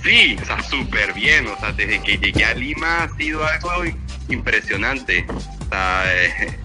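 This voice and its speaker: A young Venezuelan man with a Táchira accent, the Andean speech of the area near the Colombian border, answers interview questions casually at an unhurried pace. His lowish voice is expressive, he rambles and often repeats words, and music plays in the background.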